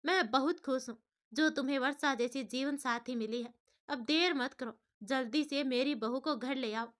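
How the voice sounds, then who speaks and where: A worried, loving mother with an anxious and pleading manner, as a woman storyteller voices her. The tone is high and smooth. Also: normal speed, a bit bright.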